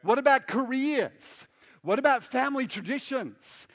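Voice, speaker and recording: A middle-aged man from New Zealand preaching a sermon, repeating phrases and asking the congregation questions, swinging between loud emphasis and quiet asides. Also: very high voice, animated, measured pace. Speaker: pastor.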